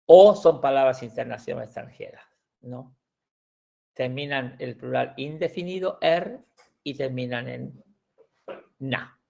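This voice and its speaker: A man teaching a grammar lesson, slowly working through examples and repeating words as he goes. His voice has a gravelly, creaky edge. The recording sounds dull and lo-fi. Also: mid-range voice, dark tone. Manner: explains patiently, repeats words, frequent restarts. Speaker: language teacher. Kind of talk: classroom lesson explaining grammar.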